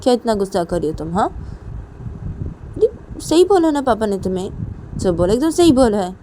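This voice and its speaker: A woman's voice: mid-range voice, very animated, normal speed, dark tone, a little hiss or hum, voice pushed up, natural voice. A woman voicing a young woman who scolds insistently. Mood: scolding.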